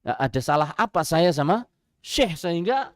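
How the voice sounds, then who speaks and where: A man's voice: fairly high pitch, big pitch swings, moderate pace, dry recording, studio quality, pitched above the performer's own voice. A man voicing a worried male security guard who pleads anxiously.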